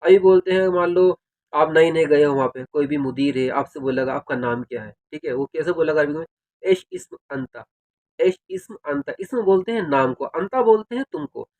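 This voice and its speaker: A man's voice: fairly high pitch, fairly quick, darkish tone. A man casually explaining things to his viewers, often adding "theek hai" and addressing them directly. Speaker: video creator giving advice on working in Saudi Arabia.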